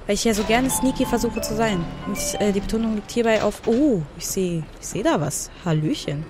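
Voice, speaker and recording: A woman giving blind commentary on a video game, chatty, talking to the game and reading menu text out loud. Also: on the high side, fairly quick, music in the background. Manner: thinks aloud and reads game menu text out. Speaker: let's player.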